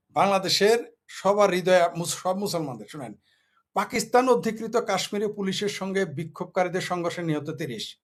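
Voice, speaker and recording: A man from Bangladesh delivering a heated political monologue, combative and scornful, full of rhetorical questions. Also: high-pitched. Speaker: political commentator.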